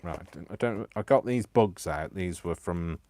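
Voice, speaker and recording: A crafting livestreamer from Coventry, England, this man chats to himself and his viewers while demonstrating crafts live, often poking fun at himself. His Coventry English accent has been worn down by years in Yorkshire. He speaks with a low pitch at a moderate pace.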